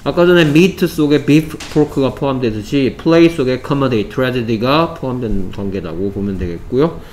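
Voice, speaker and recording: A man's voice: mid-range voice, moderate pace, a little mellow, slight background noise. A man teaching English vocabulary to middle school students, explaining step by step and repeating key words. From South Korea. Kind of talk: vocabulary lesson.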